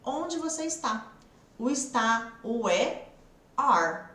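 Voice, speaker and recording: Speaking slowly but animatedly, this fairly high-pitched woman has a sharp tone, recorded far from the mic in an echoey room. She's running an online English lesson, prodding students with drill questions. Her accent is São Paulo countryside Brazilian Portuguese, from the state's interior.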